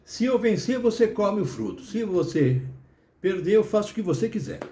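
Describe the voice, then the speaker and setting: A woman's voice: mid-range voice, very animated, moderate pace, warm tone, slight background noise, voice pushed up, close to an everyday voice. A man voicing Eve, a scheming young woman, in a coaxing, sing-song voice in a comic spoken story. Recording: roomy echo.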